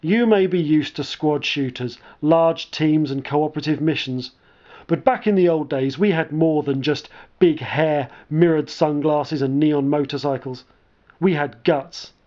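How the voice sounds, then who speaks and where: A man's voice: a little high, darkish tone, lightly acted. A man voicing an older, gung-ho male army commander who talks bluntly and confidently, in a dull lo-fi recording.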